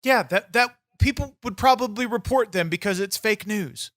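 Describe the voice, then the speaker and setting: Here a high-pitched man at a moderate pace voices a foul-mouthed, boastful wrestler character, bitter and quick to anger, in loose comedy podcast banter. The tone is a bit bright, and the studio sound is clean with no echo.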